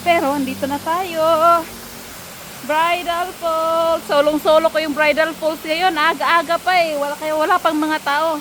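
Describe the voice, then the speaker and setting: A woman vlogging by a waterfall on her phone, excitable and giggly, exclaiming often and sounding nervous and shaky. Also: sits high, a little hiss or hum, poor audio. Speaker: travel vlogger. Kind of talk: casual vlog narration. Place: outdoors by a waterfall. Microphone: handheld phone. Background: rushing waterfall.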